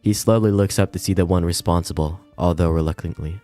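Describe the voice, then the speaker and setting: A man with a low, dark voice and steady tone reads through a visual novel briskly for a casual livestream, reacting along the way. He sometimes stumbles and giggles through little asides, over background music and a roomy echo.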